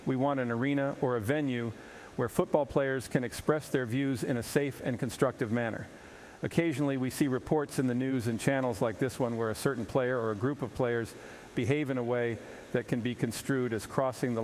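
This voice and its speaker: A man's voice: mid-range voice, a little mellow, close to an everyday voice. A man playing an evasive, defensive sports league commissioner in a parody news interview, speaking formally and long-windedly. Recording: clearly noisy background.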